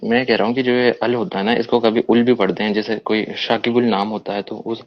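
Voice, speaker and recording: A man's voice: lowish voice, level tone, no echo, dull audio. A man taking part in an online debate, answering hesitantly and often repeating his words.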